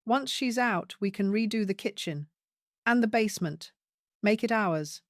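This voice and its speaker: A woman voicing a scheming adult daughter-in-law who talks sharp and demanding, rising into shrieks. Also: mid-range voice, animated, measured pace, no room sound, clean studio sound, pitched above the performer's own voice, close to an everyday voice. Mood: pleased scheming.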